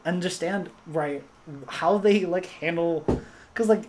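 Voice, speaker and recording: A young man chatting casually, rambling with lots of fillers and animated storytelling. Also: high voice, takes it slowly, slight background noise. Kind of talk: casual chat.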